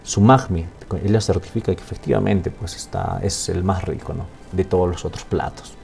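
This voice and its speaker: A man teaching a Quechua language lesson in Spanish with a Peruvian accent, explaining slowly and checking in often with "¿no?" and "¿sí?". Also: low voice, fairly even intonation, creaky, warm tone, soft background music. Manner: slow, explaining with frequent "¿no?" and "¿sí?" checks.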